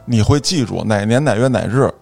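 A man's voice: fairly low pitch, lively intonation, a little fast, vocal fry, a little mellow, faint music behind. A man chatting emphatically as a panelist on a talk show. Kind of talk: casual chat.

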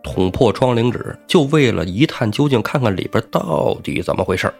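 A man hosting a storytelling show, narrating in a lively, colloquial way with asides to the listener. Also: mid-range voice, fairly quick, creaky, husky, soft background music. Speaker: storyteller host.

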